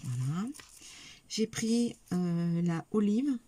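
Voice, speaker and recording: A middle-aged craft vlogger chats casually in a haul video, hesitant and full of fillers as she talks to viewers while showing each item. Her voice is on the low side, expressive and dark, with drawn-out words.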